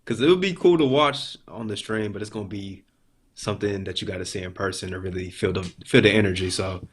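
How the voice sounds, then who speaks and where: A man's voice: on the low side, fairly quick, slightly rough. A young man co-hosting a show, asking questions in a casual sports interview style. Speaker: co-host interviewer.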